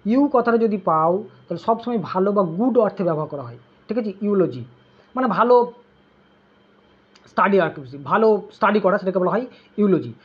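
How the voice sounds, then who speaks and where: A tutor runs an exam-prep English lesson, drilling word meanings and spellings. The voice is husky and breathy. The tutor keeps posing questions, answers them, and checks in after every point, all on a muffled, lo-fi recording. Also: mid-range voice, animated, normal speed, long pauses. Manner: drills terms with constant "okay?" check-ins; asks students questions, then answers them.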